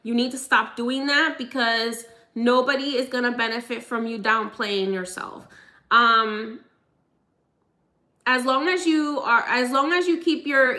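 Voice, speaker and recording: Young woman medium, higher voice, bright and forceful tone, chatty and laughing as she passes on spirit messages. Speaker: psychic medium. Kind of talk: live mediumship reading, casual.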